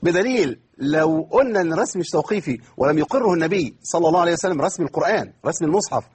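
A man with an Egyptian accent teaches Quran recitation in an online lesson. His voice is very husky and sits a little high, and he talks at a fast clip. He keeps asking questions and answering them himself, and he stretches words out slowly to demonstrate. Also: lively intonation, darkish tone. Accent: Egyptian Arabic.

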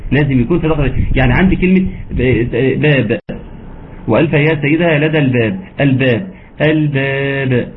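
A man with an Egyptian accent teaching Quran recitation rules in an online lesson, explaining patiently and chanting verses slowly. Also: mid-range voice. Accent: Egyptian Arabic. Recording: tinny phone-line audio with faint background noise.

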